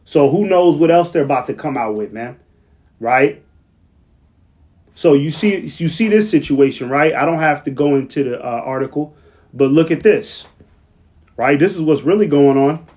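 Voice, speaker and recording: A weary man talks through the news in a loose, rambling way, often tossing in "right?" to his listeners. His voice sits somewhat high and he slows down to read quotes aloud. The recording sounds muffled and lo-fi. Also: animated, a little mellow. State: tired, yawning late at night. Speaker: online commentator. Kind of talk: casual commentary reading news aloud. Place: at work, late at night.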